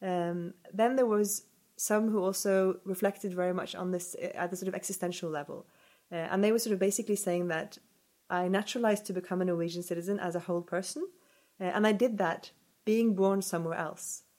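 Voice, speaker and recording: A woman's voice: fairly low pitch, steady tone, brisk, mellow. A woman researcher answering interview questions thoughtfully, with frequent fillers and hedges. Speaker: researcher guest. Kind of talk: podcast interview.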